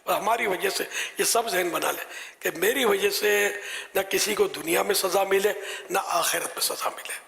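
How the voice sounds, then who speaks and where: A man giving a live religious talk with soft-spoken advice, often dropping to a whisper. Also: high voice, vocal fry, big-room sound. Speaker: religious scholar.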